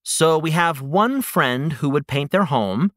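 A man's voice: a little high, lively intonation, slow, a bit bright, no echo, clean studio sound. A man hosting and telling stories for children in an upbeat, encouraging, emphatic scripted style. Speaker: storyteller and host.

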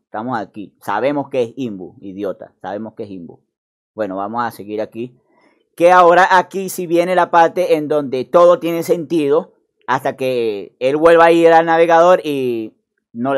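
A man chatting casually over a screen recording of a game, chatty and mock-excited. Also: mid-range voice, normal speed. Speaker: gaming youtuber.

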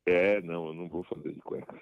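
A man's voice: sits low, steady tone, fast talker, clean tone, muffled recording. A man in his fifties talking over the phone, blunt and swearing freely as he refuses. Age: 50s. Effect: heard over the phone. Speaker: prank call target. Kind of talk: casual phone chat.

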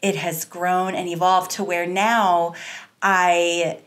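A woman's voice: fairly low pitch, flat delivery, slow. A woman in her thirties, a salon owner, talking as a podcast guest in an earnest, reflective way, stringing long thoughts together, recorded on a desk mic in a small studio. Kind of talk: podcast interview. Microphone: studio mic on a desk stand, wearing headphones.

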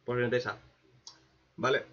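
A man giving a sarcastic, profane anime commentary rant, with mocking asides and sudden loud outbursts. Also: medium pitch, flat delivery, a little slow. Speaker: anime reaction youtuber. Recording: dull lo-fi mic.

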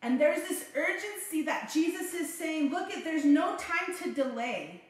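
A woman pastor delivers a fervent sermon in a bright, high voice. She presses her points by repeating phrases. Her voice rings through a very echoey church room. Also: expressive, measured pace.

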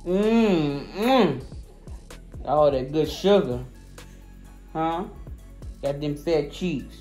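Soft music plays behind a man hosting a casual home family vlog. In a slightly high, animated and warm voice with drawn-out words, he teases and coos at a baby, then speaks directly to the audience.

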